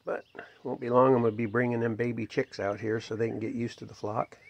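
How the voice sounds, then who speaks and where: A man's voice: mid-range voice, a little fast. A man, chatting casually as he films his farmyard on a phone and talks to the animals. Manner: relaxed, folksy, talks to animals. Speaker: homestead vlogger. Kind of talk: casual narration while filming. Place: outdoors in a farmyard by a shed. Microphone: phone camera held by the filmer. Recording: dull lo-fi phone audio outdoors.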